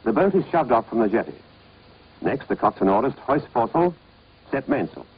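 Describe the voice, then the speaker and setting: A man's voice: mid-range voice, sing-song, fairly quick, slightly rough. A British man narrating an instructional training film in a clipped, scripted, instructive manner. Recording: dull, band-limited old film soundtrack.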